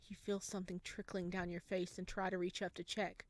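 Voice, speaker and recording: A woman gaming YouTuber with a lower voice reads through a horror visual novel with lively expression, a little fast, and then gives her reactions. The recording is free of room sound.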